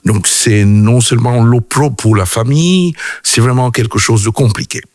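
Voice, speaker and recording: A man's voice: medium pitch, moderate pace, no echo, studio quality. A middle-aged man from Cameroon, a choir director and music producer, answering radio interview questions thoughtfully, with frequent hesitations.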